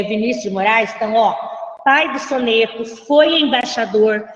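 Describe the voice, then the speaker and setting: A Brazilian literature teacher, a woman with a slightly high voice, lectures at an unhurried pace, padding her explanations with tag questions. Her voice rings with a long reverb in the room. The sound is dull, as on a computer mic. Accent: Brazilian Portuguese. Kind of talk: online class lecture.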